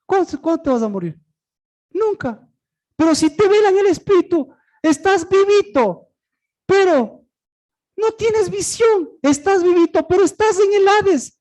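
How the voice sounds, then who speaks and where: Preacher, high-pitched voice, sermon, rhetorical questions, jumps from cries to murmurs. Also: lively intonation, measured pace, poor audio. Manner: asks and answers own rhetorical questions; sudden swings between loud high cries and low murmurs.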